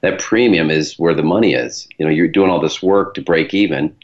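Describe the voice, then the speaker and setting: A man's voice: low voice, a little fast, dull audio. A man with a Great Lakes accent from Michigan, hosting a show in a chatty, explanatory way and addressing listeners directly. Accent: Michigan, Great Lakes American. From Michigan, United States. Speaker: podcast host, branding professional.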